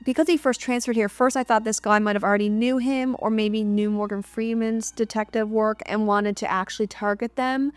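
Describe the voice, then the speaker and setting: A woman's voice: a little high, steady tone, a little fast, hardly any pauses, clear, resonant tone, no echo, soft background music. A woman recapping and reviewing a film in a casual, conversational way, stressing her points by repeating them. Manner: conversational, emphatic, repeats key phrases. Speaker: movie reviewer.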